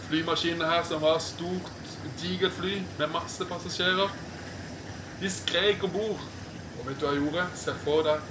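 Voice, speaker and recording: A man's voice: on the high side, noisy background. A man telling a playful made-up story, rambling and correcting himself. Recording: roomy echo.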